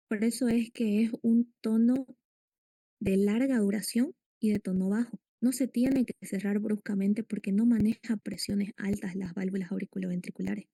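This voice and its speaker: A woman's voice: a little high, creaky, dark tone, no echo. A woman giving a medical lecture, explaining step by step and quizzing her students. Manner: explanatory, asks students questions.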